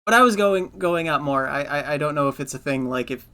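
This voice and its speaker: A man's voice: fairly high pitch, animated, fairly quick, bright, forceful tone. A man hosting a podcast, chatting casually in a rambling way, repeating words and laughing often. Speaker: podcast host. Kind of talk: casual chat.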